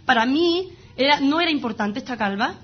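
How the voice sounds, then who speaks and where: Woman in her 30s talking fast and animated, highish voice, kinda dull lo-fi sound. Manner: animated, emphatic storytelling. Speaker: guest sharing her illness story. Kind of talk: casual conversation.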